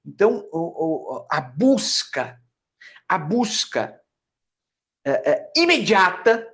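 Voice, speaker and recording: Animated Brazilian man teaching fitness. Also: high voice, slow. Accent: Brazilian Portuguese. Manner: emphatic, conversational, frequent "tá?" check-ins. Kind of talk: explanatory lecture.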